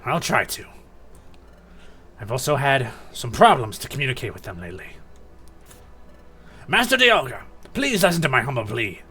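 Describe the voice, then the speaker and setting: Groveling, formal ghost servant from a video game, read by a man, lively pitch. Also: normal speed, long pauses, faint music behind. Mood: pleading. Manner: formal, pleading.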